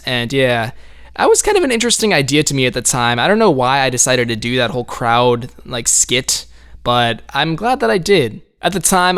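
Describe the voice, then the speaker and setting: Man, casual album commentary, smooth clear voice, mid pitch, laid-back, rambling, light laughs. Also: a bit bright. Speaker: musician discussing his own album.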